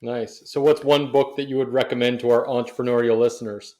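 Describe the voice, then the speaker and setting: A man's voice: medium pitch, flat delivery, a little fast, warm tone. A man hosting a podcast, asking his guest short, prompting questions. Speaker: podcast host. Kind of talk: interview questions.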